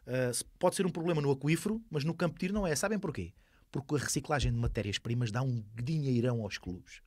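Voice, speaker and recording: A man's voice: medium pitch, fast, a little mellow, no echo, studio quality. A man in his thirties with an Alentejo Portuguese accent, talking casually as a podcast guest and explaining things colloquially with examples. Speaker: podcast guest, sport shooter. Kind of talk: casual interview talk. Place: small foam-padded podcast studio. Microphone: close studio podcast microphone.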